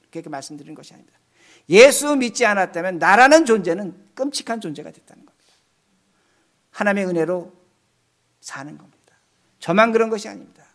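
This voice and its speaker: A male pastor preaching a sermon, swinging between loud emphatic lines and soft, low asides.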